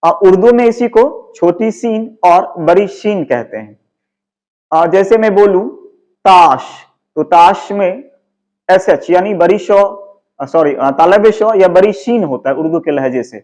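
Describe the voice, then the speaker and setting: Here a male teacher from Bihar, speaking with a Hindi accent, explains exam answers in a high, expressive, slightly mellow voice at a measured pace. He raises questions and supplies the answers himself.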